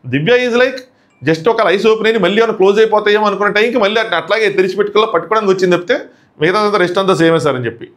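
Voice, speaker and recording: A man's voice: sits high, racing, a bit bright. A man reviewing a reality show, animatedly acting out quoted exchanges as he recaps them.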